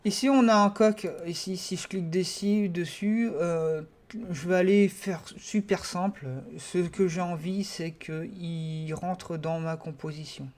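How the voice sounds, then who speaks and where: Un homme qui donne un tutoriel logiciel enregistré sur écran, en parlant de façon hésitante avec beaucoup d'hésitations, et qui commente chaque clic. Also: male voice, sits high, steady tone, measured pace, darkish tone. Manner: hesitant, many fillers, talks through each click. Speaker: software tutorial teacher. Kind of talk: screen-recorded software tutorial.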